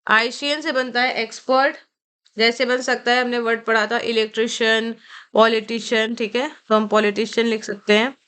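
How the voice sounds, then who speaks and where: A woman's voice: on the high side, little pitch movement, sharp tone, clean tone. An Indian woman teaching a vocabulary lesson, explaining and repeating each word carefully. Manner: explains word by word, slowly spelling and repeating terms.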